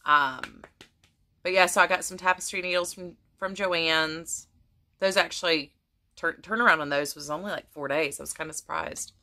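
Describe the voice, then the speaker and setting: In a casual chat to camera, an American woman rambles about her crafts with frequent restarts, her voice fading. She sounds low, pushed and bright, with fairly even intonation and a moderate pace.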